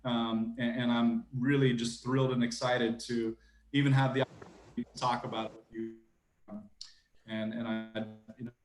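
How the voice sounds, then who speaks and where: A man, a school administrator, presenting a proposal to a school board over a video call, his audio glitching and cutting in and out, halting and repeating words. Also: mid-range voice, little pitch movement, soft background music. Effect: glitchy audio that keeps cutting in and out. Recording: choppy video-call audio in an echoey room.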